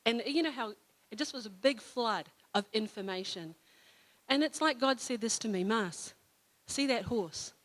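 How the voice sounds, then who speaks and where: A woman with a New Zealand accent giving an informal sermon at church, telling a story in a chatty way with fillers and self-corrections, then reading a psalm slowly. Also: fairly high pitch. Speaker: church speaker. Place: church hall.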